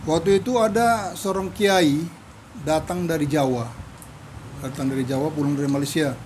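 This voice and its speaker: A man tells his own story as an interview guest, and his voice sits fairly high for a man. He acts out the lines of everyone in the story, and his pitch jumps up and down as he does. A faint hiss runs under the recording. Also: normal speed, poor audio. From Medan, Indonesia. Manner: animated storyteller who acts out quoted dialogue. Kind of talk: personal testimony in an interview.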